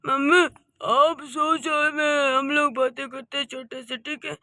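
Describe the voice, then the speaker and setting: Two grown sons in a cartoon tale, voiced by one actor, wheedling and pushy and falsely doting. The voice sits high and bright but flat in tone, and the speech is slow. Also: female voice, no echo, clean studio sound. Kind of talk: cartoon voice acting.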